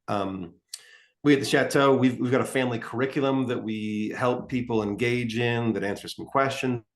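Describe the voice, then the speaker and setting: A man from a treatment program presenting over a video call, talking haltingly with many fillers while his scratchy audio keeps cutting out. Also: medium pitch. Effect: glitchy, scratchy audio cutting out on a video call.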